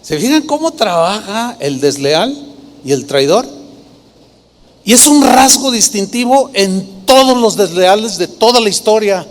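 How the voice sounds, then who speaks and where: A man's voice: sits high, expressive, a little slow, in a large hall. A man preaching a sermon as pastor, emphatic and full of rhetorical questions.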